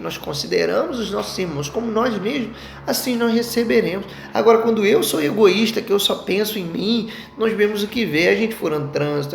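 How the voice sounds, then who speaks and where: A man's voice: high-pitched, creaky. A young Brazilian man teaching a Sunday school Bible lesson, chatting with the class and asking it rhetorical questions. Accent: Brazilian Portuguese. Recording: echoey room with faint noise.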